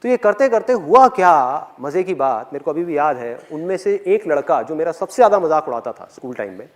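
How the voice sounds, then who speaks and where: High-voiced man telling a stage story. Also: brisk. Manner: animated storyteller, questions the audience directly. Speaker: motivational speaker. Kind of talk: motivational stage talk with personal storytelling. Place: on stage before a live audience.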